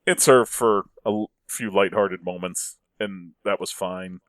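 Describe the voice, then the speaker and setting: Male podcast host, low voice, dry close sound, earnest arguer. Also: measured pace, a bit bright, dry recording. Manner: earnest, builds arguments, frequent restarts. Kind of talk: casual podcast chat.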